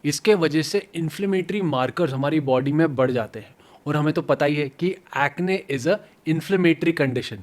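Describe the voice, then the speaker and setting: A man's voice: fairly high pitch, moderate pace, a little mellow. A man dermatologist giving step-by-step skin care instructions, mixing in English medical terms. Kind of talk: medical explainer.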